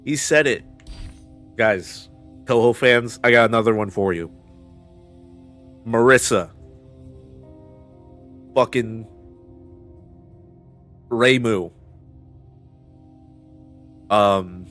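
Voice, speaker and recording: Slow-talking man streaming gameplay. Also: medium pitch, faint music behind. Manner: mutters game text, then bursts into loud excited joking; profane, laughs often. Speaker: streamer playing a video game. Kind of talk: live gameplay commentary.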